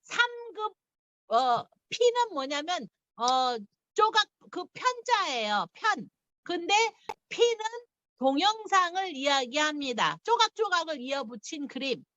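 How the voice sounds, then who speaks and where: Lively high-voiced woman teaching casually. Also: measured pace, no echo, highs cut off. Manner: chatty, laughs often, explains step by step. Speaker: language teacher. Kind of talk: casual online language lesson.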